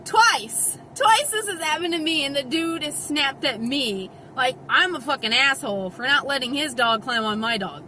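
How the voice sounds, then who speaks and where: A woman's voice: high-pitched, expressive, normal speed, hardly any pauses, bright, forceful tone, slight background noise. A woman vlogger ranting to camera in an exasperated, emphatic way, talking out of the side of her mouth with part of her face numb. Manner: exasperated, emphatic, acts out quoted voices. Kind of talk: casual rant to camera.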